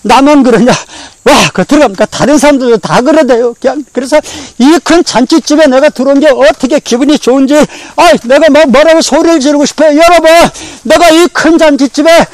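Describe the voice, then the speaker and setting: A man's voice: very high voice, brisk, darkish tone, no echo, poor audio. A male pastor preaching a storytelling sermon, repeating phrases and acting out feelings in the first person.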